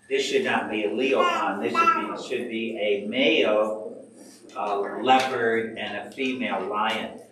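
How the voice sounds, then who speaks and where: A man leading a church Bible study class, explaining slowly and deliberately and putting questions to the group. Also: mid-range voice, noisy background. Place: church meeting room. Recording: echoey room, mic far off.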